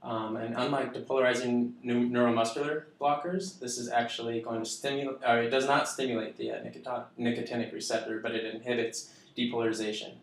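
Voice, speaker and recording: A man playing a calm clinician who explains a procedure to a patient haltingly, stumbling over technical terms. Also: medium pitch, lightly acted. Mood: calm, explanatory. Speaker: clinician in a student case-study skit. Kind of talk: halting explanatory role-play. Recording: echoey room, distant mic.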